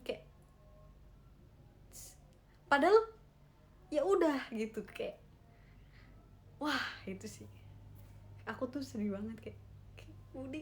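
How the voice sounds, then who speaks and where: A young woman hosts a casual solo idol livestream from her room on her phone, chatting emotionally and animatedly with lots of fillers. Her voice is fairly high, with slight background noise.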